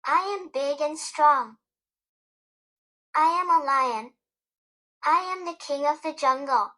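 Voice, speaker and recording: Female children's English teacher voice, bright and crisp, unhurried narration with careful pronunciation. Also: high-pitched, rough recording. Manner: deliberate, carefully pronounced teaching delivery. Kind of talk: scripted vocabulary lesson narration.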